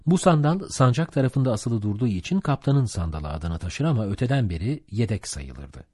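A man reading a classic sea novel aloud as an audiobook narrator, in measured storytelling. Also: lowish voice, big pitch swings, mellow, no room sound, studio quality. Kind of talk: scripted narration.

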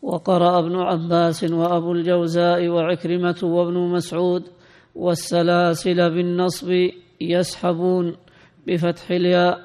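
A man reads a classical text aloud in a high, unvarying recitation, his voice smooth and resonant. A long reverb trails his words in a hall. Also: normal speed. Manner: recites in a steady, lilting reading tone. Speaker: student reading the text aloud. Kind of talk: chanted reading of a classical text.

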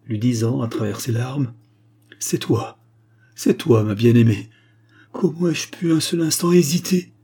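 A man narrating a literary tale in a measured, dramatic reading. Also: medium pitch, mellow, breathy edge. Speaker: audiobook narrator.

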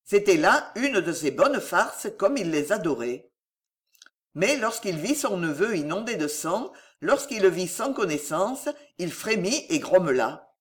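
This is an audiobook reader narrating a historical novel with lively, swinging intonation. The pitch sits in a mid register. The delivery is dramatic and expressive throughout. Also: a little slow.

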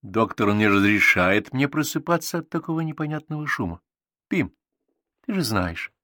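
A man voicing a frail, nervous, sick older aunt in an audiobook, speaking quietly and fretfully. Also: medium pitch, very animated, normal speed, no room sound, clean studio sound, pitched above the performer's own voice.

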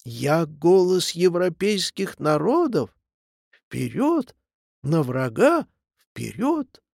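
A man playing a shrill drunken hill echo. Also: very animated, slow pace, creaky, studio quality, full character voice. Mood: shouting. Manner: shrill, brash, shouting battle cries.

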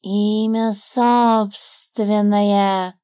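A woman putting on a slow, sneering fanged serpent. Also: medium pitch, level tone, darkish tone, no room sound. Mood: drawling sly. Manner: slow, drawn-out, sneering hiss. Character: sly drawling male serpent, fanged and mocking.

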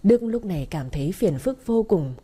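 A woman reading a story aloud in steady scripted narration, with faint music behind. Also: medium pitch, normal speed, husky. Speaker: audiobook narrator.

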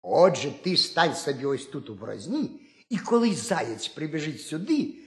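Man putting on a sly hedgehog, high, lively, confident, roomy echo. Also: moderate pace. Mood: scheming. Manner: confident, coaxing. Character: boastful crafty male hedgehog, calm and sly.

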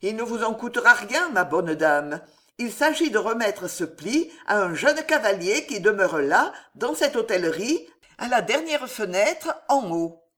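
A woman voicing a noble mother who questions her daughter gently and then speaks with quiet firmness, in a read-aloud historical novel. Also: mid-range voice, big pitch swings, measured pace. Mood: firm. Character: noble mother, tender yet firm.

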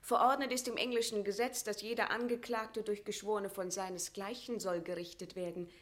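A woman's voice: medium pitch, steady tone, brisk, close to an everyday voice. An actress playing a proud, defiant captive queen in a classical radio drama, declaiming formal verse in a stately, indignant manner. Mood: dignified, firm. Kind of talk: classical German stage drama radio acting.

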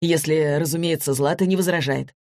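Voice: medium pitch, steady tone, brisk, a little mellow, no echo, clean studio sound, lightly acted. A reader voicing a self-assured man hosting guests with confident hospitality in an audiobook.

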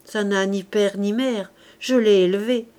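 A woman's voice: mid-range voice, fairly even intonation, a little slow, a little mellow, lightly acted. Woman voicing a wheedling greedy innkeeper. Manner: wheedling, feigned tenderness. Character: greedy scheming male innkeeper, smooth-talking.

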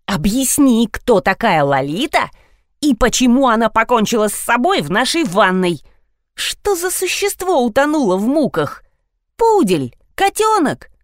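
A woman reading a story, voicing an excitable young man who yelps and complains in exasperation. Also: a little high, unhurried, no echo, studio quality, voice pushed up. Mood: exasperated. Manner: shouting, exasperated.

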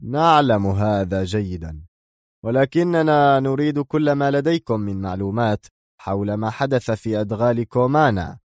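A man's voice: medium pitch, dry recording, pitched above the performer's own voice, lightly acted. Brief: man playing a firm, blunt agent, somewhat raised voice, dry studio read. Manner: curt, firm, deliberate. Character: cold, firm male American intelligence agent.

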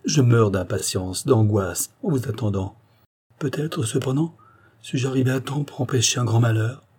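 A man's voice: mid-range voice, normal speed, darkish tone, husky, close to an everyday voice. A man reading a novel aloud, voicing a distressed young woman who pleads earnestly for her brother. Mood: anxious pleading.

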